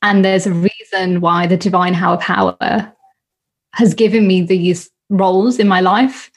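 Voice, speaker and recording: A British woman in her thirties talks earnestly as an interview guest, with a slightly husky, breathy voice. She leans on her points and repeats phrases for emphasis, laughing easily between thoughts. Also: fairly low pitch, fairly even intonation, a little slow. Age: 30s. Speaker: guest, healing coach. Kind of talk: casual interview chat.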